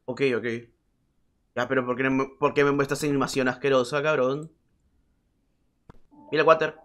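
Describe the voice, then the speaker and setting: A man commenting casually on a game he is playing, excitable, repeating words in quick bursts and yelling when startled. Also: mid-range voice. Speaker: gaming streamer.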